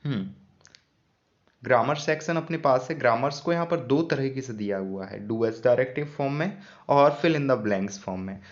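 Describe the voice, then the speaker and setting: A man's voice: mid-range voice, normal speed. Patient man teaching English grammar. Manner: patient, repeats key points as questions. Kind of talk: explaining an English grammar lesson. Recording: dull lo-fi sound.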